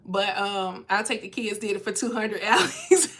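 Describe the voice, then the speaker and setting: A woman's voice: medium pitch, flat delivery, normal speed, a bit bright. A young woman chatting casually on a live stream as a cruise vlogger and travel agent, her voice nasal and congested from a cold. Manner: chatty, reads out viewer comments.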